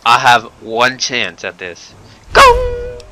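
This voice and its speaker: Young guy doing a let's play, slow rambly talk, bright voice, cusses a lot, keeps hiccuping, light hum behind. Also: mid-range voice. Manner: rambling, swearing, taunting with repeated lines. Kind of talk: gameplay commentary.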